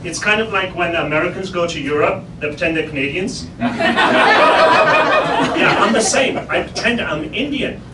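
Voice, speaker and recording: A man's voice: high-pitched, moderate pace, pauses often. A middle-aged man from Pakistan with an English accent, doing a stand-up comedy set on a club stage with dry, self-mocking punchlines. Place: improv club stage before a live audience. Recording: roomy, distant live club recording with loud noise.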